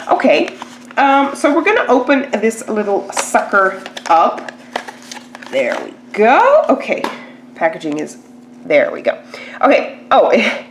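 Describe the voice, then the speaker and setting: A woman speaks at medium pitch, stuffy-nosed from a cold, casually chatting to camera while unboxing a beauty box. She's chatty and filler-heavy with lots of "like" and "um," and there's slight background noise.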